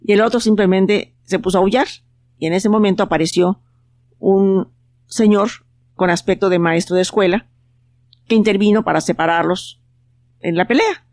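Calm storyteller, dry close sound. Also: mid-range voice, no echo. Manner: calm, unhurried telling with plain quoted voices. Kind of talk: storybook narration.

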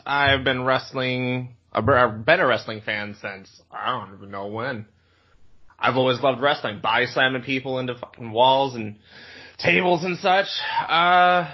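A man's voice: mid-range voice, breathy edge. A man from the United States introducing himself and chatting casually as a podcast guest. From United States, Detroit. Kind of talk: casual chat. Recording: dull lo-fi podcast audio.

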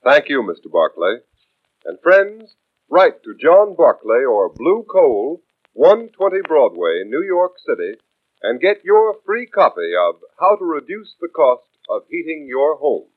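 A man's voice: a little high, sing-song, unhurried. An American man working as an old-time radio announcer, reading a script with formal, emphatic delivery on a vintage broadcast. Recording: tinny band-limited vintage radio broadcast.

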